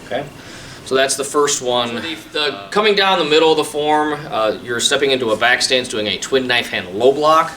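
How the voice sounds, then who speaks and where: A man's voice: mid-range voice, moderate pace, sharp tone. A man explaining techniques informally as a taekwondo instructor in a tutorial. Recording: distant mic, faint room noise.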